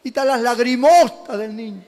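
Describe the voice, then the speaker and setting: A man's voice: very high voice, a little fast, darkish tone, long reverb tail. A man from Peru, a pastor preaching a sermon fervently, telling homely stories and calling out to the congregation.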